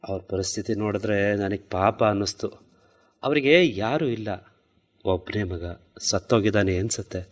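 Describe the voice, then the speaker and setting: A man's voice: fairly low pitch, normal speed, lightly acted. An actor playing a sleepy office worker in a radio drama, musing to himself and then explaining to his wife. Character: sleepy office-going man remembering a promise.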